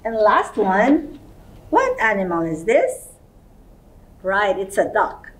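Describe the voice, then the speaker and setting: Female preschool educator, talking to toddlers: unhurried, encouraging, sing-song delivery, slightly distant mic with faint background noise. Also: medium pitch, very animated. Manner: simple questions to young children, encouraging, sing-song. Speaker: early childhood educator, children's show host. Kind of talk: children's lesson, talking as if to a toddler. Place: indoor playroom-style studio, seated.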